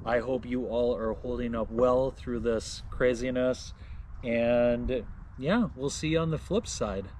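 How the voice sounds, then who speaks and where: A man casually demonstrating camping coffee gear, chatty and relaxed, thinking out loud as he goes. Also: mid-range voice, a little slow, background noise. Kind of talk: casual product demo.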